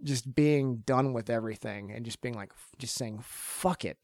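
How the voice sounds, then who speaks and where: Rambling, excited podcast guy. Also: mid-range voice, normal speed, dry recording. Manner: rambling, enthusiastic, many fillers. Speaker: podcast host. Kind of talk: casual chat.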